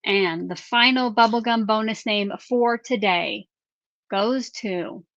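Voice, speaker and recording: A woman's voice: medium pitch, takes it slowly, a bit bright, no echo, highs cut off. A woman hosting a craft live stream in casual chat. She reads out viewer names and questions in an upbeat way.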